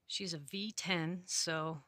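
Woman, thirties, informal explanatory vlog narration, bright forward voice, dry small trailer interior. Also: on the low side, steady tone, takes it slowly, no room sound. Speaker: RV vlogger giving a tour. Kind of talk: casual video tour narration.

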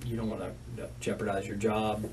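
A man's voice: on the low side, completely flat delivery, normal speed, crowd noise. Distant-miked American man asking methodical questions. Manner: methodical, repeats details back. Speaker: police detective. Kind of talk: interrogation questioning. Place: small bare interview room, indoors. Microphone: distant room camera. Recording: distant, noisy surveillance recording.

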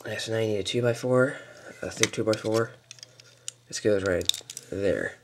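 A man with a very deep voice talks through a build step by step, pausing and muttering as he goes. It is recorded on a camera mic at a home table. A clear hiss of background noise sits under his voice. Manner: relaxed, halting, lots of fillers and mild mutters. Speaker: toy building tutorial maker. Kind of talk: casual step-by-step build instructions. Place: indoors at a table.

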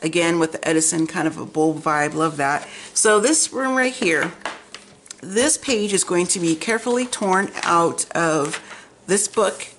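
A vlog host flips through a magazine, gushing and rambling in a chatty way. Her fairly low, fairly bright voice has lively intonation and a measured pace, though her articulation is slightly effortful, as if half her face were numb from the dentist. The recording has clear background noise and room ambience.

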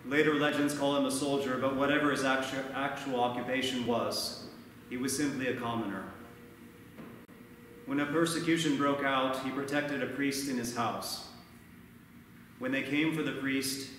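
A man in his thirties, a priest giving a measured, earnest sermon at a lectern, recorded from far off in a large church. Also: medium pitch, a bit bright, heavy reverb, in a large hall, slight background noise. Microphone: far camera, no mic seen.

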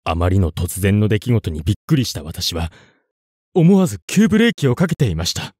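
A man reads a scripted ghost story in a low voice. His intonation moves widely, building suspense with deliberate pauses. The recording is close and dry. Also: big pitch swings, darkish tone, breathy edge, no echo. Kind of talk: scripted horror story narration.

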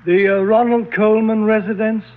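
A man playing a timid butler in a 1940s radio comedy, halting over every phrase with a high, lively voice. The sound is thin and phone-like, with hiss behind it. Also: natural voice. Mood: hesitant. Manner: halting, with many "uh"s. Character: timid, hesitant male butler. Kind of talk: 1940s radio sitcom acting.

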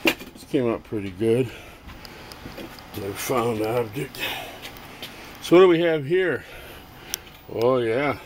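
Walking through his cluttered workshop and garage with a handheld camera, a middle-aged toy customizer casually displays his toys and crafts. His mid-range voice wanders in a halting, self-amused ramble. Audio comes through noisy from the home camera.

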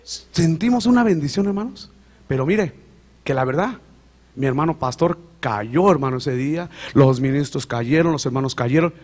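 A man giving an emotional church testimony in a sanctuary. His fervent delivery swings from hushed tones to shouting, and he keeps calling out to the congregation as brothers. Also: medium pitch, expressive, normal speed.

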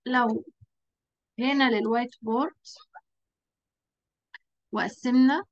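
A woman with an Egyptian Arabic accent, teaching a lesson at a whiteboard, quizzing her pupil and drawing out example words slowly. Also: fairly high pitch, steady tone, highs cut off.

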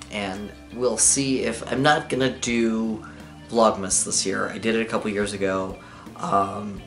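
In a living room with a lamp and couch, a young man vlogs casually to the camera, rambling with plenty of fillers and little laughs. His voice is fairly low and a bit bright, with some vocal fry.

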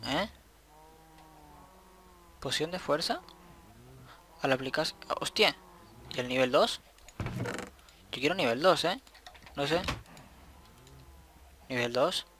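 Man, gameplay commentator, casual let's-play talk, excitable, bright tone, faint typing in background. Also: a little high, a little hiss or hum. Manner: chatty, excitable, thinks aloud.

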